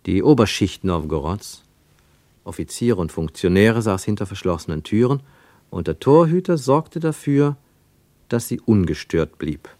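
Literary prose is read aloud for a radio play by a man whose voice runs fairly low. His intonation is lively and his phrasing deliberate and dramatic, and the studio capture is very dry, without any room sound.

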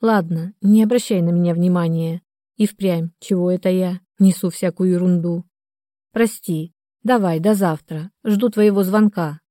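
A woman reads a retired mother in her sixties in this audiobook, anxious and quick to reproach. The voice sits low and mellow. The recording is close and dry. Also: no echo, natural voice. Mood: apologetic.

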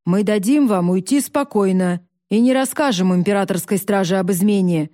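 A woman's voice: medium pitch, normal speed, dark tone, no echo, close to an everyday voice. Grumpy old village elder, voiced by a woman, stern and scornful, dry sound.

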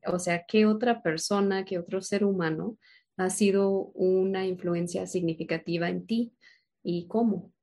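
A woman's voice: lowish voice, fairly even intonation, unhurried, mellow. A woman host asking interview questions in a conversational way. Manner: conversational, apologetic asides.

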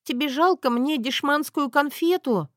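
Woman doing a bratty young wife, high, sassy, defiant, audiobook. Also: a bit bright, dry recording, studio quality. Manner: sassy, quick to snap back.

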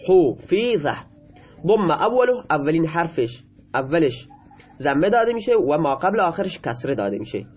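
A husky, fairly high-voiced man working through a grammar lesson, reading a line of text and then patiently explaining it in his own words. He speaks Persian as his first language. The recording is a little muffled and lo-fi. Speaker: Arabic grammar teacher.

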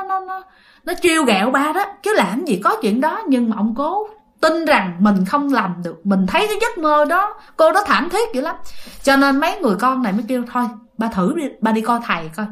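A woman telling a ghost story in a chatty, casual way, speaking to her listeners and repeating herself. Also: fairly high pitch.

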